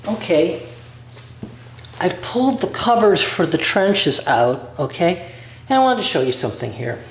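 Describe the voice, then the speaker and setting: A man with a high, sing-song voice talks a little slowly through a casual DIY walk-through, rambling somewhat as he thinks aloud. He's a vlogger recording in a bare workshop room with a concrete floor near a garage. The recording is very echoey, with a distant mic and faint noise.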